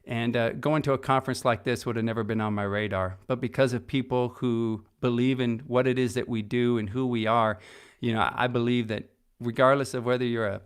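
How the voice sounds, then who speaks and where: A middle-aged man hosts a podcast in a loose, eager way. He says uh often and restarts his sentences. His voice is smooth and clear, sitting at an average pitch for a man. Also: fairly quick. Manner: energetic, enthusiastic, with many fillers and restarts. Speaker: podcast host and conference organizer. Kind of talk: casual promotional podcast talk.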